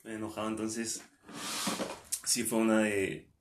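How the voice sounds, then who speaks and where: A man's voice: lowish voice, fairly quick, reverberant. Chatty young Mexican man telling a story. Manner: chatty storytelling, acts out quotes. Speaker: podcast host. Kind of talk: casual chat.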